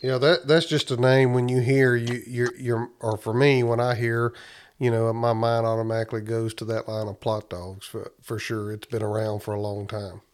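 A man's voice: medium pitch, level tone, normal speed. A man hosting a podcast, chatting casually in a folksy way. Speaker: podcast host. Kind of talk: casual interview chat.

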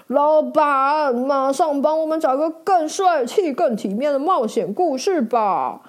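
A woman voicing a brave, cheerful male knight who exclaims with excitement. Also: high voice, slow, heavily acted. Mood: excited.

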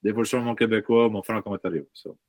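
A man's voice: fairly low pitch, fast, no room sound. A man in his thirties from Baie Sainte-Marie with an Acadian French accent, chatting as a musician guest and mixing English words into his French. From Baie Sainte-Marie, Nova Scotia. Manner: mixes English words into French, lively storytelling. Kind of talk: casual interview chat.

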